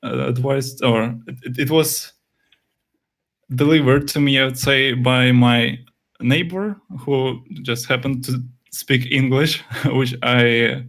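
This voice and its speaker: A young Russian-speaking game developer answers interview questions hesitantly, full of fillers and restarts. His voice is medium-pitched, steady and a bit bright, and he takes his time.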